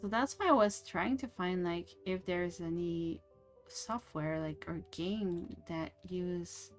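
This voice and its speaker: Soft background music accompanies a young woman, French by first language, as she chats while streaming a game. Her lowish voice drifts slowly and rambles, with lots of fillers and restarts.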